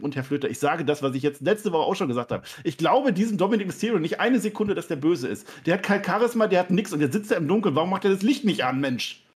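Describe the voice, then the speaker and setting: A man co-hosting a casual wrestling recap, animated and jumping into high mocking voices when quoting people. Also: breathy edge. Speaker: podcast co-host.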